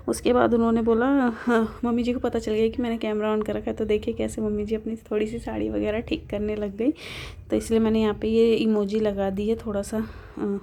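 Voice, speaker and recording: A young woman vlogger talks in a casual, chatty way and repeats her phrases. Her voice sits a little high but stays flat and even in pitch. The tone is soft and mellow, not bright. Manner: chatty, repeats herself, light laughter. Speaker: family vlogger. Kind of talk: casual vlog narration.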